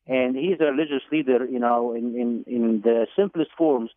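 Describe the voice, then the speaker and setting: A man from Egypt, a radio guest, telling his life story in a deliberate way with repeated words and fillers, heard over the phone. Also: mid-range voice, no room sound. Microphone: telephone. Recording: tinny phone line.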